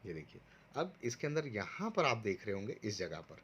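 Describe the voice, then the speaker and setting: A man's voice: lowish voice, big pitch swings, a bit bright, a little hiss or hum. Patient male teacher sounding out syllables. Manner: patient, slow and step-by-step, sounding out syllables for pupils to repeat. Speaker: primary school teacher. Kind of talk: recorded online Hindi lesson for first graders.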